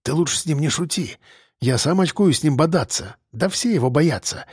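A man's voice: on the high side, very animated, moderate pace, creaky, darkish tone, slightly rough, dry recording, studio quality, heavily acted. A man voicing a scheming, streetwise male convict who talks in slang and presses with questions. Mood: wheedling.

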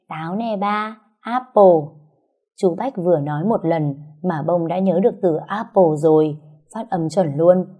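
A woman narrating a family drama story in a lively, gossipy storytelling manner. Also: fairly low pitch, husky.

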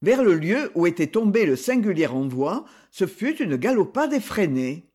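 Husky, animated male audiobook narrator. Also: high voice, moderate pace. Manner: expressive reading with voiced dialogue. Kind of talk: scripted narration.

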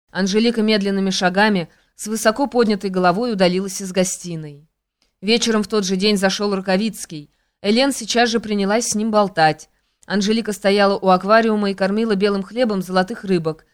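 A woman narrating a novel as an audiobook in an even, measured reading. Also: medium pitch, smooth.

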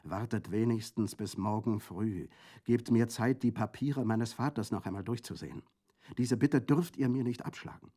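A fierce, high, raised voice of a young Corsican woman, as a male reader puts her on, imploring and vehement. The tone stays dark and mellow beneath the strain, and her words come in hot, insistent bursts. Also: brisk, gravelly. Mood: pleading. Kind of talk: audiobook reading.

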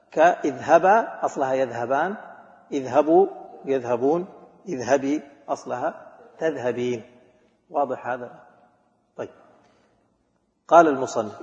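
A man's voice: medium pitch, a little mellow. Man, grammar teacher, quizzes the class, long hall reverb, muffled lo-fi sound. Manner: drills students with questions and examples; mixes formal Arabic with colloquial speech. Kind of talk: classroom lecture on a grammar text. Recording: echoey hall, dull lo-fi recording.

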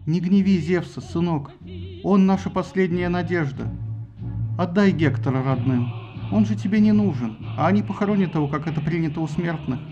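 A man voicing a gentle, tearful goddess mother who speaks softly. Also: a little high, normal speed, dull audio, music in the background, natural voice. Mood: tender.

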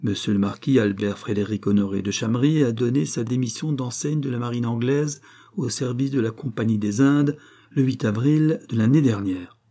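A man reading a classic novel aloud as narrator, measured and dramatic. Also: medium pitch, warm tone. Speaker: audiobook narrator. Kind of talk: scripted narration.

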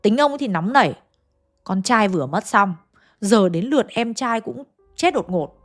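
A woman's voice: mid-range voice, animated, measured pace, soft background music. A woman telling a ghost story in a chatty, conversational way, speaking straight to her listeners. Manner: chatty, addresses listeners directly.

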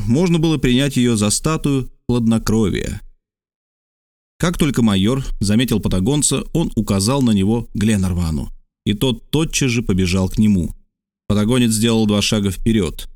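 A man reading an adventure novel aloud as an audiobook narrator, with an expressive, varied delivery. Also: lowish voice, dry recording, studio quality. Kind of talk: scripted narration.

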